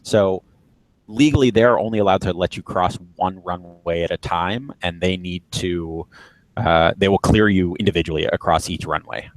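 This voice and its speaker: Radio procedures are the topic as a low-voiced flight instructor teaches informally and live, at a normal speed. He breaks things down step by step and repeats himself to stress what matters, captured in a rough recording with no echo.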